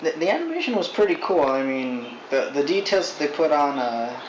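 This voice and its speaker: A man's voice: a little high, big pitch swings, fairly quick, highs cut off, noisy background. A young man chatting casually about a movie, rambling, swearing and stumbling over his words. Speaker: co-host. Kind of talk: casual movie review chat.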